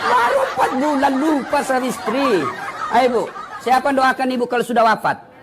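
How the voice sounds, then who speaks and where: A man's voice: very high-pitched, moderate pace, heavy background noise. A man preaching a humorous sermon, teasing the crowd and quizzing them with questions. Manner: teasing, animated, quizzes the audience.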